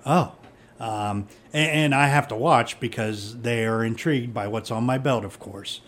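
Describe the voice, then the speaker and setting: A man's voice: medium pitch, a little slow, fairly bright tone. A middle-aged man, a police chief, chatting casually and rambling with many fillers and restarts. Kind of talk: casual conversation.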